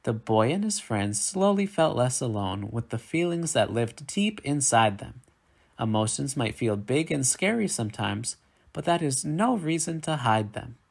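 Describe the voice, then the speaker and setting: In a gravelly, mid-range voice, a man reads a children's picture book aloud, taking an expressive and measured storytelling approach.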